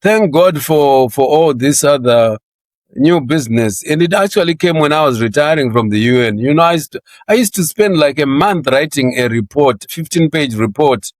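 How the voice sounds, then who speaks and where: A man's voice: on the high side, expressive, moderate pace, no room sound. Zimbabwean man in his sixties, chatty and dry. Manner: chatty, laughs often, repeats words when starting sentences. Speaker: interview guest. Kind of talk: conversational career interview.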